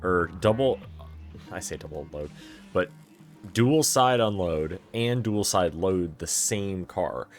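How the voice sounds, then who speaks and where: A man's voice: sits low, expressive, slow pace, faint music behind. A man giving casual gameplay commentary, thinking aloud and correcting himself as he plans, sounding tired and yawning at times. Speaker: gameplay streamer.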